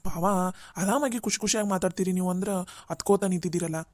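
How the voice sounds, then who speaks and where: A woman's voice: lowish voice, quick pace, a little mellow, close to an everyday voice. A woman voicing a helpful young man in a cartoon, who chats and reassures the others. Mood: coaxing. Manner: chatty, reassuring. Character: helpful young man, the father's brother-in-law. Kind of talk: Kannada cartoon voice acting.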